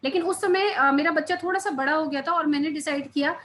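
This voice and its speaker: A woman's voice: high-pitched, quick pace, fairly bright tone, a little hiss or hum. A woman, giving an earnest personal testimony at a seminar and speaking straight to the audience. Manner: earnest storytelling, addressing the audience directly.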